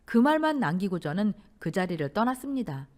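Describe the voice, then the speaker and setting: A woman narrating a first-person family story in scripted radio-drama style, with expressive delivery. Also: mid-range voice, a little fast.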